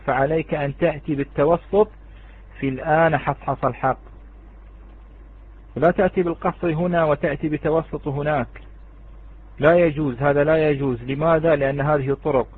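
A man's voice: fairly high pitch, fairly even intonation, brisk, breathy edge. A man teaching a tajweed lesson to students, explaining patiently and asking and answering his own questions. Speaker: Quran recitation teacher. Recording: tinny phone-line sound.

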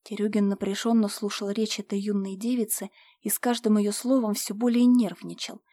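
A woman reading a novel aloud in an even, measured storytelling manner. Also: medium pitch. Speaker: audiobook narrator. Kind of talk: scripted narration.

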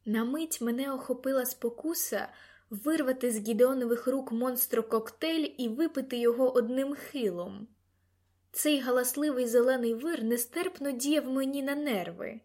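Woman, audiobook narrator, first-person story, lively expressive reading, slightly high voice. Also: moderate pace.

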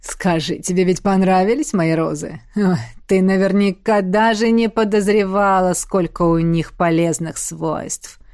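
Woman putting on a cruel mad queen, gravelly low voice, sneering slow taunts, dry close sound. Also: fairly even intonation, a little mellow, no echo, lightly acted. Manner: taunting, slow and relishing her words. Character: mad, gloating villainous queen, cruel and proud. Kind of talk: audiobook character voice.

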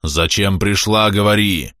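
A man doing a hoarse, menacing brute. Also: fairly low pitch, a little slow, sharp tone, no echo, clean studio sound. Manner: menacing, growling. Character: brooding, violent grown man, hoarse, furious.

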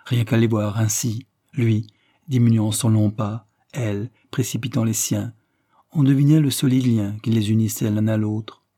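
Husky, low-voiced man narrating a story. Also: dry recording, studio quality. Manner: measured, even storytelling. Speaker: audiobook narrator. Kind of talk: literary audiobook narration.

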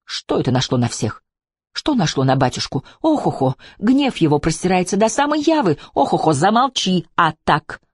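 A man doing a shrill, frantic rich wife. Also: very animated, fairly quick, darkish tone, husky, no room sound, studio quality, full character voice. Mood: scolding. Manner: shrill, nagging, fretful.

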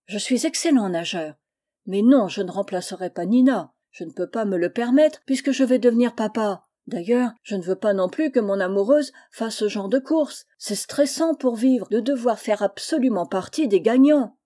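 Female reader as storybook mouse, male, small, brave and earnest; mellow voice. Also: medium pitch, animated, normal speed, lightly acted.

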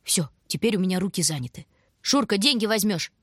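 A woman voicing a gruff, protective young village woman who talks in curt, brusque bursts in a storybook reading. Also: mid-range voice, animated, brisk, a bit bright, dry recording, studio quality. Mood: bossy.

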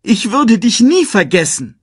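An earnest young male lion with a high, emotional voice, as a male narrator puts him on. His cries are husky and lively, swinging wide, and sound close and dry. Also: slow pace, no echo, exaggerated voice. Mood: pleading.

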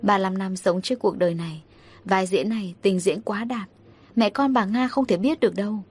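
A woman narrating a first-person drama story in a steady, dramatic way. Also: mid-range voice, normal speed, breathy edge.

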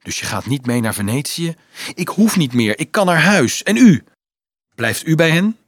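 A man's voice: medium pitch, animated, moderate pace, no room sound, studio quality, close to an everyday voice. A man reading aloud, voicing an emotional, eager boy from the future. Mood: excited.

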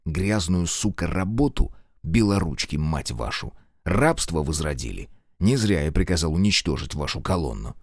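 A man's voice: deep voice, sing-song, normal speed, no room sound, clean studio sound. A man voicing a tough squad commander who taunts and interrogates a prisoner bluntly. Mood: hard. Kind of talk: audiobook character voice.

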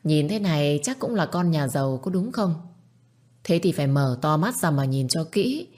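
A woman's voice: sits low, expressive, moderate pace, a little mellow. A woman voicing a spiteful middle-aged stepmother who screeches insults and taunts. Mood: scolding.

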